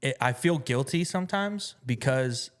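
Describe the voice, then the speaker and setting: A man's voice: medium pitch, expressive, normal speed. A man talking as a musician guest in a casual interview, rambling with many fillers and restarts.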